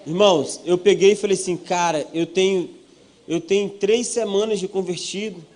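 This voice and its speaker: A man's voice: sits high, steady tone, normal speed, a little mellow. A young Brazilian man preaching as a pastor, telling his own story with jokes and acting out what people said. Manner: storytelling with jokes and acted-out quotes. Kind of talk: humorous testimony sermon.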